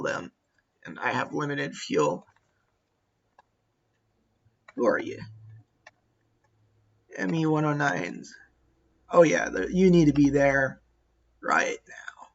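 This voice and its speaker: A man talks slowly through a strategy game, musing aloud and talking to his units. His voice sits a little high for a man. The lo-fi mic sounds dull, and mouse clicks tick in the background. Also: animated. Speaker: gameplay commentator. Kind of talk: casual strategy game commentary.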